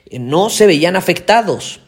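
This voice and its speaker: Loud, intense Mexican man. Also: high-pitched, lively intonation, normal speed, creaky. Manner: emphatic, repeats key phrases. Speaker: podcast host. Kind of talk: motivational podcast monologue.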